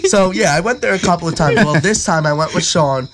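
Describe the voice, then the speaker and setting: A man's voice: on the high side, a little fast, a loud crowd. A young man co-hosting a podcast, telling a story in a rambling way with lots of fillers. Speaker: podcast co-host. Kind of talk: casual chat.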